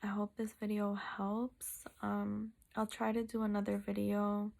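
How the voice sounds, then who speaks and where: A tired woman chatting casually in a personal vlog, halting and sore-mouthed as she recovers from wisdom teeth removal. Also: mid-range voice, completely flat delivery, gravelly, darkish tone. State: sore mouth, recovering two days after wisdom tooth surgery. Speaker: vlogger.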